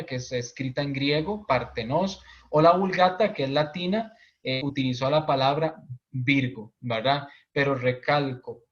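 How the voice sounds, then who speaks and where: A man from Costa Rica, a priest teaching a Bible course, explaining patiently and often checking in with his listeners. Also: mid-range voice. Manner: patient, repeats points, frequent tag questions. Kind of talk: explanatory lecture. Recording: dull lo-fi audio.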